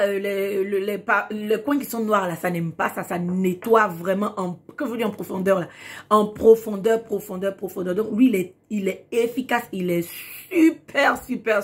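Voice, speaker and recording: Emphatic woman giving beauty tips. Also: medium pitch. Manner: emphatic, repeats words for stress. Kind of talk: casual video tutorial.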